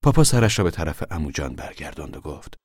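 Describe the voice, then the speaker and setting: A man reading a novel aloud as narrator, calm and measured, often dropping to a hush. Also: rumbling low, husky, no echo, studio quality. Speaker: audiobook narrator.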